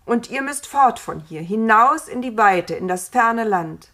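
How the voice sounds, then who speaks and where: A woman voicing God, a stern and saddened old male figure, with a solemn, booming way of speaking in a storybook reading. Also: measured pace, close to an everyday voice. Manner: solemn, booming when angry.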